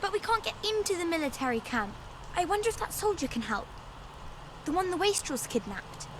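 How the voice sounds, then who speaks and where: A woman voicing a helpful companion in a video game, calm and advising, heard as game audio. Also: very high voice, fairly quick. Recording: game audio under a noisy playthrough.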